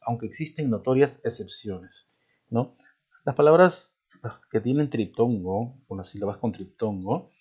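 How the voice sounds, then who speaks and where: A man's voice: medium pitch, mellow, husky. Male teacher, grammar lesson, asks and answers his own questions, frequent tag questions, points at examples. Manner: checks in often with short tag questions; points to something he is showing as he talks. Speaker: language teacher.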